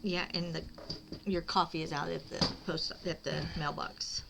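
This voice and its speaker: A woman's voice: sits low, steady tone, moderate pace, vocal fry, very noisy. A woman art streamer chatting casually and expressively on a live stream.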